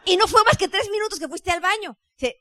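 Bright, high-voiced Mexican woman coaching. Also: a little fast, no echo, clean studio sound. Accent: Mexican Spanish. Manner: lively, chatty, mimics voices in anecdotes. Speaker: network marketing team leader. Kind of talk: motivational business talk.

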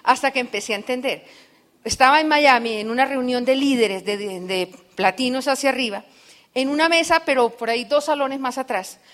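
Woman, middle-aged, motivational stage speaker, storytelling, rhetorical questions, somewhat high voice. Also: a little fast, a bit bright. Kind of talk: live motivational speech to an audience.

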